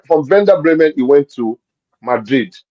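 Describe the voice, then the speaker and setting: A man's voice: on the high side, expressive, normal speed, no room sound, highs cut off. A man talking football in a casual match-review chat. He makes his points with force, repeats them, and explains with examples. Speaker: football pundit.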